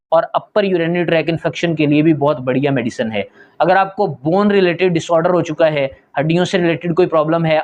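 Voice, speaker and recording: Male homeopathic doctor, slightly high voice, steady explanatory health talk to camera. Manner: steady instructive, repeats a stock transition phrase, addresses viewers as friends.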